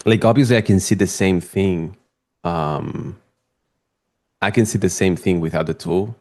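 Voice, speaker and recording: Here a young man from Spain, Spanish-accented and low-pitched, talks through live trades for his stream viewers. He sounds casual and excited but keeps a measured pace.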